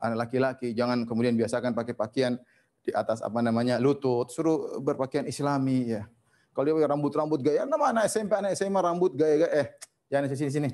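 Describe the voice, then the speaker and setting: A man giving an Islamic lecture on parenting in a conversational way, repeating phrases for emphasis and swinging between high and low. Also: fast, darkish tone. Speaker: Islamic preacher.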